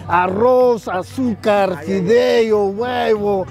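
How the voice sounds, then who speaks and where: A man's voice: sits high, very slow, gravelly, darkish tone, faint music behind. A man, a municipal official at an outdoor fair giving an earnest press interview, listing items and adding tag questions. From southern Peru.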